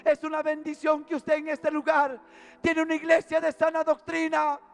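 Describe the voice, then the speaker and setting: A man's voice: very high voice, monotone, moderate pace, creaky. A man with a Peruvian Spanish accent giving a fervent, emotional testimony sermon in a church service, repeating phrases for emphasis.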